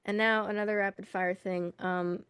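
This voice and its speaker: A woman's voice: medium pitch, little pitch movement, normal speed, fairly bright tone, smooth, no echo, clean studio sound. A woman co-hosting a podcast in casual chat, rambling with many fillers. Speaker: podcast co-host.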